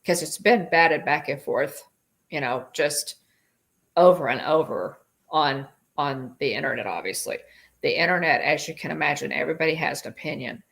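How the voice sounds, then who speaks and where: A woman's voice: low voice, normal speed, creaky, fairly bright tone. A woman hosting a casual livestream chat, reading viewer comments and talking with lots of fillers and restarts. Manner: chatty, many fillers and restarts.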